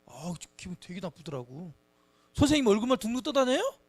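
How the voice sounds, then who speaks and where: Animated high-voiced man teaching children. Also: brisk. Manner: animated, acts out children's taunts; asks the children frequent questions. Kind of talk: Bible lesson for children. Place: church.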